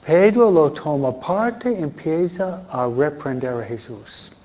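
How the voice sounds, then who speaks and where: A man's voice: on the high side, animated, measured pace, dark tone, dull audio. A man preaching a sermon in a conversational way, often asking his listeners questions. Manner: conversational, asks the audience questions.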